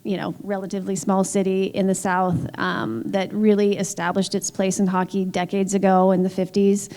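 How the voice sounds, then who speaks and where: A woman's voice: mid-range voice, level tone, normal speed, warm tone. A woman team executive speaking candidly and emphatically on a panel, with frequent filler words. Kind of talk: panel discussion. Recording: long hall reverb.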